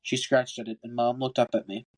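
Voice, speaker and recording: This podcast host sounds congested as he narrates a homemade audiobook, tripping over words now and then and rereading lines. He speaks a little fast in a mid-range voice with a flat delivery.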